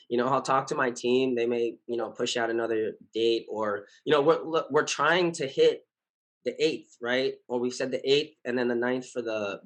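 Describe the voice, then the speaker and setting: Man, hoarse scratchy voice, mid pitch, casual founder update, rambling, lots of fillers, earnest, reassuring. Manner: rambling, full of fillers and self-corrections. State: hoarse, losing his voice. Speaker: project founder addressing his community. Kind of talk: casual spoken update to followers.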